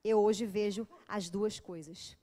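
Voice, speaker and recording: A woman with a Brazilian accent giving a lecture, telling frank stories and acting out dialogue in an animated way. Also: medium pitch, takes it slowly. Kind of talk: lecture with lively anecdotes.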